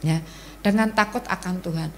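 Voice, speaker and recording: A woman's voice: lowish voice, normal speed, fairly bright tone, a little hiss or hum. A middle-aged woman, preaching to a women's church service in a conversational, storytelling way. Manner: conversational storytelling, Javanese-tinged Indonesian. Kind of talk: sermon.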